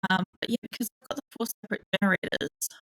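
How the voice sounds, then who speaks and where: A woman's voice: medium pitch, fairly even intonation, rapid-fire, a bit bright, no room sound, faint music behind, poor audio. A woman thinking aloud while streaming a game, sleepy and yawning, rambling and swearing casually at a desk microphone. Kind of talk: live-streamed gameplay commentary.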